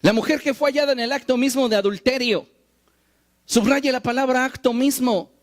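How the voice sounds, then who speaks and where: A man preaching a sermon, animated and wry, acting out the quoted lines he tells. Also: very high-pitched, moderate pace. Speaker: pastor.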